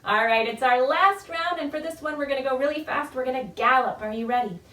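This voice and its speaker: With a high, bright and forceful voice that moves fairly quickly, this children's librarian directs a baby storytime. Her instructions to parents and babies are friendly, encouraging, sing-song and demonstrative. Roomy echo comes through a distant mic.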